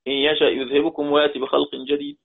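Egyptian sheikh teaching recitation, tinny sound. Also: male voice, fairly high pitch, flat delivery, vocal fry, breathy edge. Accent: Egyptian Arabic. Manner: slow chanted verse quotes mixed with quick colloquial explanation, quizzing students. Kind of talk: classroom lesson on recitation rules. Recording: tinny phone-like audio.

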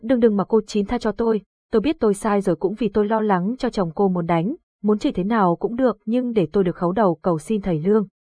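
A woman's voice: medium pitch, fast talker, hardly any pauses, warm tone, husky, no room sound, lightly acted. A woman voicing a greedy middle-aged woman trader who stammers and pleads in an audiobook ghost story. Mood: pleading.

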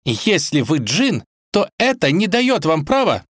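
A woman's voice: low-pitched, very animated, measured pace, dry recording, studio quality, voice pushed up. A man reading a fairy tale aloud and voicing a stubborn young princess with a raised, insistent voice. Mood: determined. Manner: insistent, stamps her foot.

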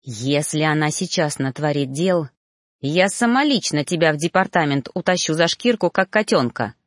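A young male reaper who is scornful and short-tempered, as a woman narrator puts him on, his voice pushed low and clipped. He speaks in dry, curt jabs that sit close to the mic. It is a storybook figure, not a kindly one. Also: expressive, normal speed, no echo. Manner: sneering, curt. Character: reaper mentor, young man, mocking and irritable.

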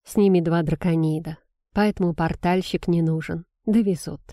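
A calm prince reasons in a quiet, even voice, as a woman reader puts him on. Warm, mellow tone, close and dry. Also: fairly low pitch, normal speed, no echo, lightly acted.

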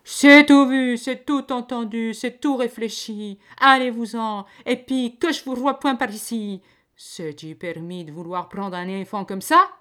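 A woman's voice: lowish voice, expressive, unhurried. A woman doing a furious peasant mother. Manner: loud, indignant, rustic speech. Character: angry peasant mother, shouting refusal.

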